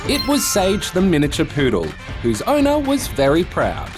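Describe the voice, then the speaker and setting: A man's voice: high voice, huge pitch swings, normal speed, over loud music. A man with an Australian accent presenting scripted educational news for children in a playful, explanatory way.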